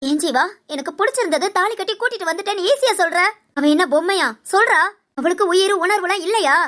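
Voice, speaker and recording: A woman voicing a stern middle-aged aunt in an animated family drama, talking in a scolding, forceful way. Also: extremely high pitch, fast talker.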